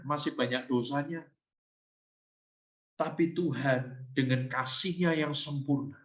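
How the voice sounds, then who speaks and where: Male pastor. Preaches with animated storytelling. Mid-pitched voice, recorded in an echoey church hall. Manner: animated storytelling, acting out dialogue with his child. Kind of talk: sermon with personal story.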